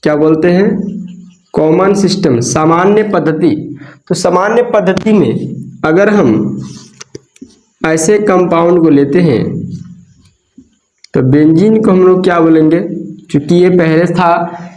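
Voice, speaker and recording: A man's voice: high-pitched, slow pace, pauses often, darkish tone. A man teaching a chemistry lesson, asking himself questions and then answering them as he explains. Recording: echoey room.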